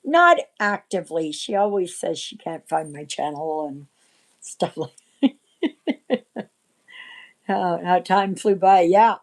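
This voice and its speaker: A woman in her sixties hosting a casual livestream chat, rambling and often clearing her throat. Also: lowish voice, lively intonation, slow, pauses often, poor audio. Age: 60s. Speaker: livestream host.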